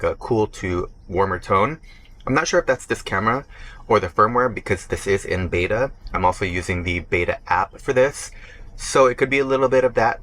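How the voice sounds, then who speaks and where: A man's voice: on the low side, fairly bright tone. A young man vlogging casually while eating, chatting between bites and sometimes talking with his mouth full. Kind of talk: casual vlog talk to camera while eating. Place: burger restaurant.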